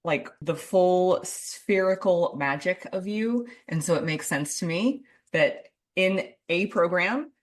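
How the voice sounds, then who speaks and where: Low-voiced effusive woman podcast host. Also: animated, slow, hardly any pauses. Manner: effusive, chatty, lots of "like". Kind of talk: casual interview chat.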